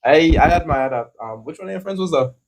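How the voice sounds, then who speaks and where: A man's voice: fairly high pitch, expressive, fast, crowd noise. A male host asking questions in a playful, joking way. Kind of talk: casual interview chat.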